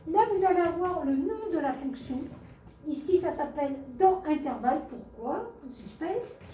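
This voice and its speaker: A woman's voice: very high-pitched, warm tone. A woman teaching a math class, explaining patiently, repeating points and asking the students questions. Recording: echoey classroom from far off.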